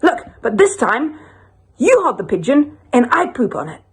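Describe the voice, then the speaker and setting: A woman's voice: sits high, big pitch swings, moderate pace, a little hiss or hum, pitched above the performer's own voice. A woman voicing a cheeky young male statue come to life, eager and mischievous.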